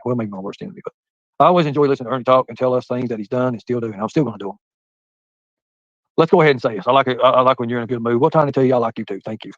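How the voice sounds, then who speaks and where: Fast-talking man in his forties. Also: mid-range voice, no echo, muffled recording. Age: 40s. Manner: rambling, talks straight to viewers by name. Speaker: livestreamer reading chat. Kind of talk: casual live-stream chat.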